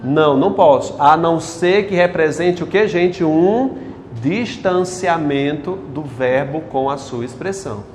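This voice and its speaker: A man's voice: fairly high pitch, measured pace, long reverb tail, a little hiss or hum. A male teacher lectures a class on grammar, quizzing the students with questions as he goes.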